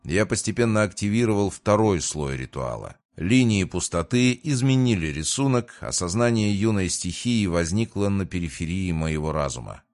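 A man narrates a fantasy audiobook. His voice sits very low, and his reading is measured and even. It is steady scripted storytelling.

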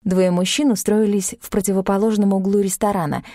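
A woman narrating an audiobook in a lively, expressive reading. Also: medium pitch, a little fast, no room sound, clean studio sound. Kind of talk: scripted narration.

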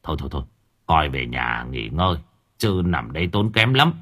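A man's voice: extremely low pitch, big pitch swings, a bit bright, breathy edge, pitched below the performer's own voice, heavily acted. A man doing a frail, stammering old villager. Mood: shaken, insisting. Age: older. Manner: weak, halting, stammering.

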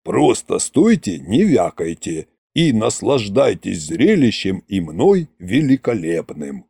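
A man's voice: on the low side, sing-song, takes it slowly, creaky, warm tone, breathy edge, dry recording, studio quality, pitched below the performer's own voice, exaggerated voice. A man voicing a boastful, pompous immortal sorcerer king in an audiobook, grand and mocking. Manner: grand, self-satisfied, mocking. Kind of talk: audiobook character reading.

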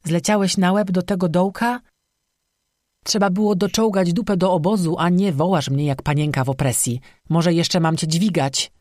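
A brash young woman with a sharp, mocking tongue, as an audiobook narrator puts her on. She talks tough and sarcastic, hiding her fear behind scorn, in a dry close recording with no room sound. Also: mid-range voice, normal speed, dry recording, natural voice. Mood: scolding.

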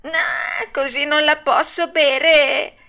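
A woman reading an audiobook and voicing a stubborn, whiny wooden puppet boy in a shrill, pleading tone. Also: fairly even intonation, slow, gravelly, bright, forceful tone, exaggerated voice. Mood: whining. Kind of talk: audiobook read-aloud.

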